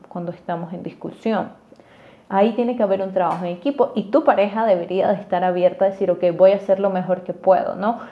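A woman talks through relationship advice, earnest and personal. Her voice sits at a middle pitch. The recording sounds slightly dull and lo-fi. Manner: earnest, personal, explanatory, often checks in with a questioning "sí". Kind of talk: advice talk to camera.

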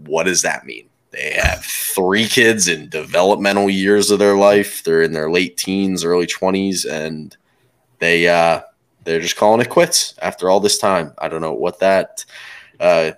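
A man's voice: deep voice, unhurried, fairly bright tone. A man co-hosting a podcast, joking and rambling with lots of fillers in casual chat. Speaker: podcast co-host.

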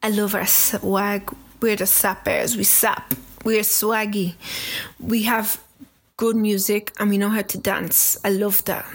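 A woman in her twenties, from the Democratic Republic of Congo and raised in Ireland, speaks with an Irish accent as a guest on a podcast. She chats casually in an interview, laughing often and acting out the people she quotes. Her voice is husky and medium-pitched, slow, with little pitch movement.

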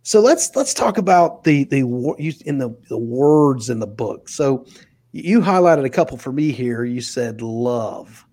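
A man's voice: medium pitch, animated, unhurried, mellow. A man hosting a podcast interview, earnest and emphatic, his voice jumping up to stress a point. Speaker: interview host.

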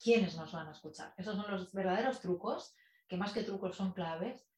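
Chatty, expressive woman in an echoey room. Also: medium pitch, moderate pace, crowd noise. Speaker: guest, public speaking expert. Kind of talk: casual conversational interview. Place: in person in a room with the host.

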